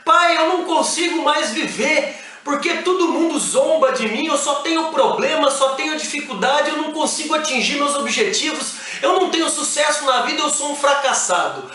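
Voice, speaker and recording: A man's voice: extremely high pitch, expressive, normal speed, bright, forceful tone, distant mic, voice pushed up, exaggerated voice. A man voicing a despairing teenage boy who pleads with his father in a whiny way. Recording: very echoey room.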